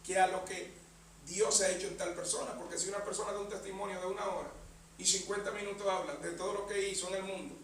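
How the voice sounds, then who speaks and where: Bright, high-pitched male preacher, constant amens, recorded from a distance in a reverberant church with a faint hum. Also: steady tone, fast talker. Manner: punctuates phrases with amen and bendito sea el Señor. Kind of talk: sermon. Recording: echoey church hall, mic far off.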